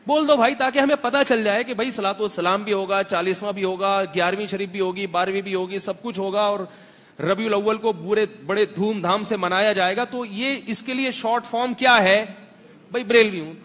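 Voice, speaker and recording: A middle-aged religious scholar from Pakistan addresses a seated crowd in a conversational lecture. His voice sits high for a man, and he keeps quizzing the audience with rhetorical questions and dry jokes. The sound carries a long reverb from a large hall. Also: steady tone, a bit bright. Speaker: Islamic scholar giving a talk.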